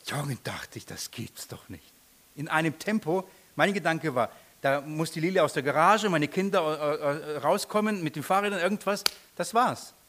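A man's voice: fairly high pitch, a bit bright. A middle-aged man, telling a personal story in a sermon, often restarting and laughing at himself.

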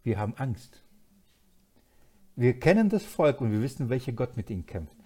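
A man preaching a sermon, moving from quiet asides to loud, emphatic passages and laughing often. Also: medium pitch, big pitch swings, quick pace, slightly rough.

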